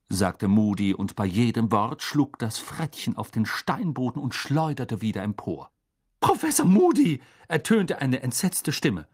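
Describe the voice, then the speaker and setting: A man narrating an audiobook in an expressive storytelling manner. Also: medium pitch, slightly rough.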